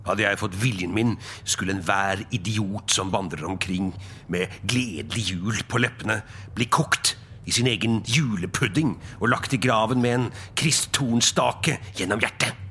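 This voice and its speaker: A man voicing a sour, stingy old miser in a storybook reading, speaking low and growling. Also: fairly bright tone, slight background noise. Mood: grumbling.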